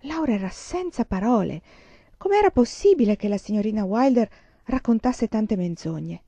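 A woman narrating a novel as an audiobook reader, in an even, measured storytelling manner. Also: medium pitch, no echo. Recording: dull, dry lo-fi audiobook recording.

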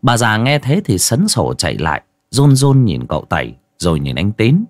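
A man narrating a ghost story in a lively, dramatic way. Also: lowish voice, moderate pace, dry recording, clean studio sound.

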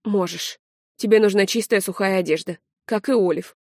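Woman doing a calm protective young man. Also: normal speed, no room sound, clean studio sound, close to an everyday voice. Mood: calm, firm. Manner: steady, reassuring, slightly lower.

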